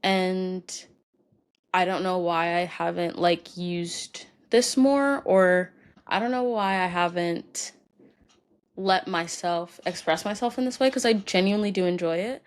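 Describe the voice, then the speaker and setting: A young woman hosting a solo podcast, talking about her feelings in a halting way with many fillers, tearful and crying at times. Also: fairly low pitch, clear, resonant tone. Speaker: podcast host. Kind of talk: personal solo podcast talk.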